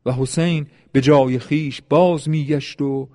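A man reading a historical account as measured, solemn scripted narration. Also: a little high, fairly even intonation, mellow.

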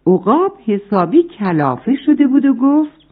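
A woman's voice: a little high, very animated. A woman narrating a story for children, speaking to them directly, on a tinny recording. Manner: warm, addresses the children.

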